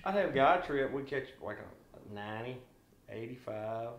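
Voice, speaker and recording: A man's voice: mid-range voice, moderate pace. A man, bragging in casual chat about his catches. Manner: boastful, animated storyteller. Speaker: angling guide and friend. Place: living room, indoors. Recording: roomy echo.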